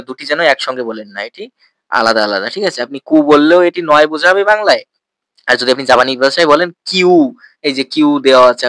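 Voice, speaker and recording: A man teaching a language lesson, patient and repeating each word slowly for learners. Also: mid-range voice, pushed and bright, no echo. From Bangladesh.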